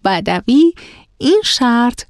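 A woman storyteller reading a classical tale aloud in a steady, formal way, stepping out now and then for casual asides. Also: on the high side, no echo, clean studio sound. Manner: steady, formal reading; chatty when commenting.

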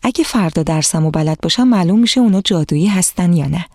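A storyteller voicing an eager, cheerful young schoolgirl, raising the voice into a lighter, excited tone in a children's storybook reading. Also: medium pitch, no room sound, clean studio sound, natural voice.

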